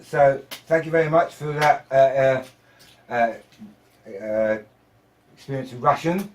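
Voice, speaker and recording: A man's voice: medium pitch, a little slow, a little hiss or hum. A male interviewer hosting casually, rambling and stumbling over his words.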